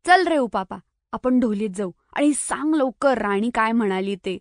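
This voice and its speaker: A woman voices a bossy young schoolgirl in a storybook, scolding her friends like a little mother. The voice is high and dry. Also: normal speed, no echo, natural voice. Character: sensible, commanding young schoolgirl.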